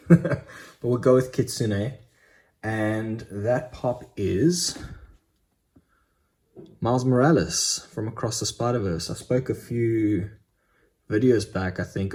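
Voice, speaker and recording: A man's voice: lowish voice, darkish tone. Chatty young man showing off collectibles. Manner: chatty, enthusiastic, frequent ums. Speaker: Funko Pop collector vlogger. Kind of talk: casual unboxing vlog.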